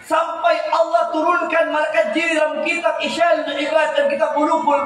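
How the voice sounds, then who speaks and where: A male preacher giving a joking, animated sermon at a religious gathering, moving from quiet asides to shouted, chanted lines. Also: extremely high pitch, moderate pace. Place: religious celebration gathering with a large crowd. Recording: very echoey crowd sound system with background noise.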